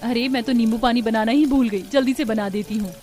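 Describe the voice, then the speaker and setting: A woman voicing the figures of an animated family story in a dramatic, expressive way. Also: a little high, fairly quick, a little hiss or hum. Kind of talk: cartoon story voice acting.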